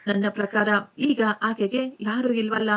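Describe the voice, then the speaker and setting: A woman's voice: a little high, fairly even intonation, measured pace, lightly acted. A woman voicing a stern, fair-minded older neighbor man in a storybook tale, firm and reproachful.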